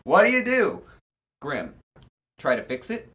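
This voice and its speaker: A man's voice: high-pitched, wildly swooping pitch, unhurried, fairly bright tone, slight background noise. A man co-hosting a podcast, reading quiz questions aloud and adding sarcastic asides in casual chat.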